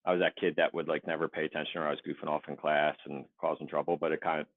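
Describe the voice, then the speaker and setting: Man in his forties, deep voice, relaxed rambling talk, phone-like dry sound. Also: rapid-fire, dry recording. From Philadelphia suburbs, USA. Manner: relaxed, rambling, self-deprecating. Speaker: guest, Navy veteran. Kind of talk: casual interview chat. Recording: tinny phone-like dry line.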